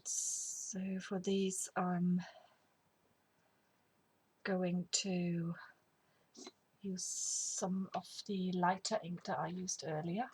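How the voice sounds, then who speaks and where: This woman's voice is on the low side, darkish and slightly rough, with little pitch movement, drawn-out words and long pauses. Middle-aged and a little under the weather with a cold, she hosts a craft tutorial, chatting and rambling through a demonstration and whispering as she works. Faint noise sits in the background.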